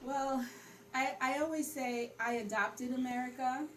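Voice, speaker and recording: Woman, from Haiti, middle-aged, interview guest, animated storytelling, distant mic, echoey. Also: high-pitched, measured pace. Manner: storytelling, animated when quoting herself. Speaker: guest, community organizer. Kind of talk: interview conversation. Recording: roomy, distant mic with background noise.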